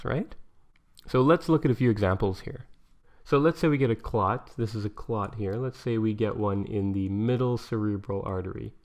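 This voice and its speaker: Male lesson narrator, fairly low pitch, casual explainer who asks and answers his own questions. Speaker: medical explainer.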